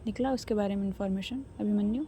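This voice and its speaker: A woman's voice: mid-range voice, fast, warm tone, a little hiss or hum, lightly acted. A woman voicing a young woman who presses her partner with curt, probing questions and gives orders. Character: young woman, suspicious and commanding.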